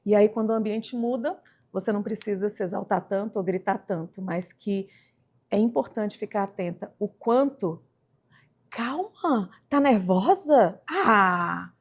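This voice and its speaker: A Brazilian woman hosting a casual interview podcast. She thinks out loud in a reflective way and keeps checking in with "né". Now and then she jumps to a sharp, emphatic rise to drive a point home. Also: medium pitch, normal speed. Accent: Brazilian Portuguese. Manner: reflective, with frequent "né" tags and sudden emphatic rises. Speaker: podcast host.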